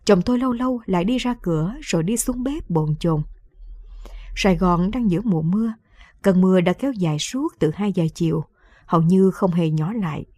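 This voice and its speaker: Woman reader, mellow tone, dry close studio sound, wry radio storytelling. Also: fairly low pitch, a little fast, no echo. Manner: lively storytelling, wry and conversational. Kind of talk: scripted first-person story narration.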